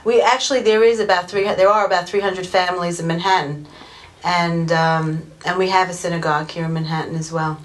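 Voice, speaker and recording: A woman's voice: fairly low pitch, fairly even intonation, brisk. A woman leading a community organization, explaining its work earnestly in an interview. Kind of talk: interview answers.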